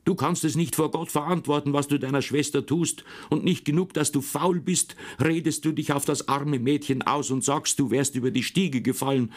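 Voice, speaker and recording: A man's voice: on the high side, steady tone, moderate pace, hardly any pauses, voice pushed up, natural voice. A man voicing an angry middle-aged mother in an audiobook, scolding in a raised voice. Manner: scolding, indignant.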